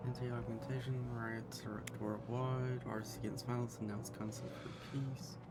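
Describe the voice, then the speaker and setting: An actor playing a serious television news reporter in a video game, reading a bulletin formally and with authority. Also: male voice, medium pitch, flat delivery, normal speed, natural voice. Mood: grave, formal. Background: loud music.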